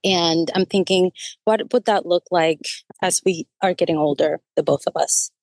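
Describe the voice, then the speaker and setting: A woman's voice: fairly low pitch, normal speed, darkish tone, no room sound. A woman in her thirties from the United States, speaking hesitantly as a coaching client and searching for her words. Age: 30s. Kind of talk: personal conversation.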